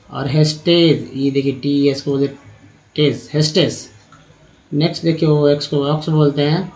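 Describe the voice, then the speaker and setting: A man teaching English reading and pronunciation in a spoken lesson, slowly spelling out words letter by letter and repeating them. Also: a little high, rough recording. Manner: slow, repetitive, spells out letters one by one.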